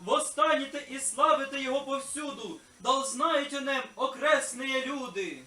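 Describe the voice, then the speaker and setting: A man's voice: very high voice, normal speed, bright, forceful tone, heavily acted. A man voicing a solemn heralding angel puppet in a vertep nativity play, declaiming archaic verse in a puppet voice. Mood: solemn, proclaiming. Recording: echoey far-off hall recording, faint noise.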